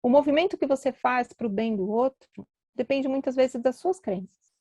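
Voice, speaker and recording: A woman's voice: sits high, normal speed, dark tone, dry recording. A middle-aged woman, a physician, giving a conversational storytelling talk at an event and acting out the voices of the people in her stories.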